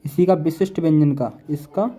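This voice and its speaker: Writing notes on a board as he goes, a man teaches Hindi grammar for exam prep online, repeating every point with "देखिए" and "ठीक है". His voice is mellow, on the high side, and moderately paced.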